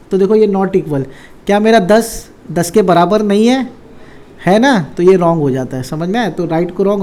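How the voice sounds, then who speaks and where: A man with a high-sitting, warm voice teaches coding basics in a casual tutorial. He's chatty and conversational, constantly quizzing with rhetorical questions.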